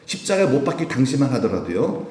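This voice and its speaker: Animated male pastor preaching. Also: mid-range voice, roomy sound. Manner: animated preaching, rising to emphatic peaks, slow quoted scripture. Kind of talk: sermon. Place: church sanctuary.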